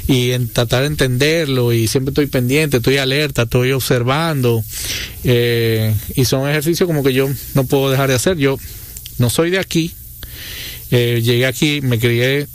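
A man's voice: medium pitch, normal speed, no echo. A middle-aged man from Nicaragua, a guest chatting casually in an interview, rambling with many fillers and restarts. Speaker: guest, venue co-founder.

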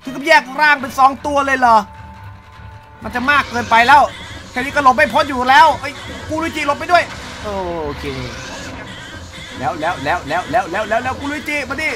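High-pitched guy streaming a game, yelps and hollers a lot, game music playing behind. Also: fairly quick. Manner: excitable, loud exclamations and repeated cries. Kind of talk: live gameplay commentary.

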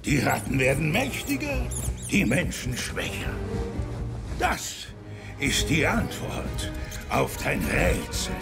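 A sinister animated rat mastermind, speaking as a telepathic voice in someone's head. The delivery is slow, coaxing and commanding, with big swings in pitch. Music plays underneath. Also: male voice, vocal fry, full character voice. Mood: smug, menacing. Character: sinister mind-reading rat overlord, sly and commanding. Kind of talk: animated film dialogue.

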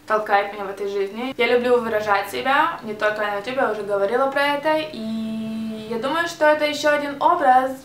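This young adult vlogger talks a little fast with hardly any pauses, her voice fairly high, though she often hesitates and restarts words in Russian, which she speaks as a second language with a Hebrew accent. It's a casual tag video shot indoors in a small, bright room, with her seated facing the camera mic. Echo and a little hiss or hum color the recording.

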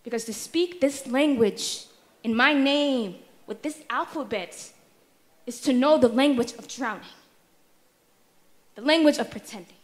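A young woman performing a spoken word poem at a stand microphone in a wood-paneled hall, rhythmic and emphatic, with deliberate stammered repetitions. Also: sits high.

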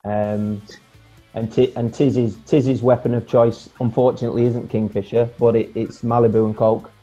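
Here a man in his forties, once a professional footballer, chats as a relaxed guest on a video call from a home room. His mid-range voice moves at an ordinary pace, wandering through fillers and restarts. It's captured on an earphone mic, so the sound is dull and lo-fi, with faint music in the background.

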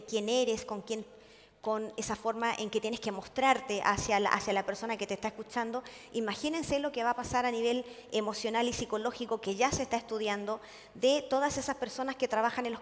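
Woman speaker at a conference, fairly high voice, earnest, hesitant, checks in with the audience, long hall echo. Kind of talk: public lecture to an audience.

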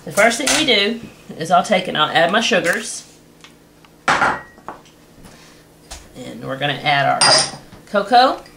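A woman's voice: lowish voice, big pitch swings, a little slow, pauses often. A young woman, walking through a home cooking recipe step by step in a folksy, homey way in her kitchen. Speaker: cooking show host. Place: home kitchen with wooden walls. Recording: noisy home camcorder audio.

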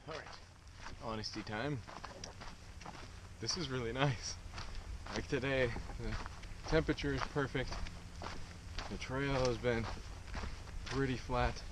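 Holding an action camera at arm's length on a mountain trail, a young man vlogs his thru-hike in a casual, self-mocking way, often laughing at himself. His medium-pitched voice is steady and slow with long pauses, and he gets winded on the climbs. Background noise comes through the outdoor camera mic.

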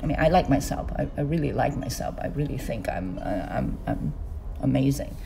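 An older woman from Hong Kong talking to her phone in a loose, animated monologue, gesturing as she speaks. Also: fairly quick, creaky, noisy background. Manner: animated, gesturing with both hands, swooping pitch. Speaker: vlogger. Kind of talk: casual monologue to camera. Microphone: phone on a stand close to her.

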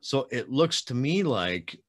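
A mid-range male voice with big pitch swings takes things slowly. The speaker is a podcast host in his forties, chatting and rambling through a casual interview over a webcam video call at home, using many fillers and teasing now and then.

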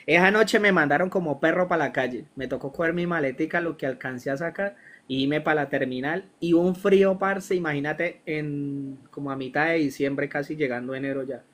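In a casual interview, a young male guest from Colombia, with the accent to match, relates his story in a spirited, slang-heavy style, voicing the dialogue himself. The pitch is slightly high and the pace moderate.

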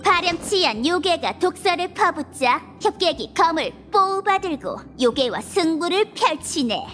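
A woman voicing an excitable cartoon monkey professor in a game, a strict, theatrical judge who scolds in exclamations. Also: very high voice, a little slow, slight background noise, full character voice. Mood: theatrical narrating. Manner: exclamatory, scolding, chanting verbal tics.

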